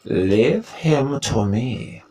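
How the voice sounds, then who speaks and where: A woman's voice: extremely low pitch, lively intonation, extremely slow, mellow, faint music behind, full character voice. A woman voicing a cruel, imperious witch leader who barks orders in broken, foreign-sounding grammar. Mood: commanding.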